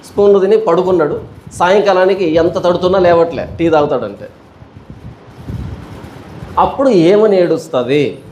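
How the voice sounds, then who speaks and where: High-voiced male pastor preaching. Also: normal speed, long pauses, darkish tone, slight background noise. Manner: rhetorical, repeats his questions; colloquial storytelling examples. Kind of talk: Bible study sermon.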